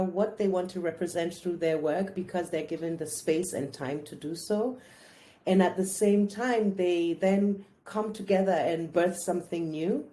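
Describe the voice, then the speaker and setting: A woman, a writer and director, reflecting calmly in an interview on an arts program she co-directed. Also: fairly low pitch. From Gambia and Spain. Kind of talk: interview testimony.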